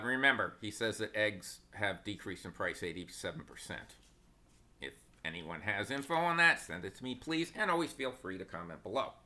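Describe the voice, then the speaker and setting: A man's voice: on the low side, pushed and bright. A man giving casual stock market commentary, opinionated and sarcastic, wandering into asides.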